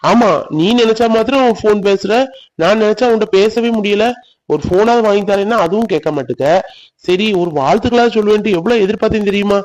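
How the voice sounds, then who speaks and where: A hurt young man in a cartoon who sulks and then coaxes, voiced by a man. His voice sits a little high, and he pushes his point with insistent, pleading persistence. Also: a little fast, a little mellow, close to an everyday voice, low-quality recording. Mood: sulking. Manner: sulky, pushy, coaxing. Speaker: cartoon voice actor. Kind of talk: animated village drama voicing.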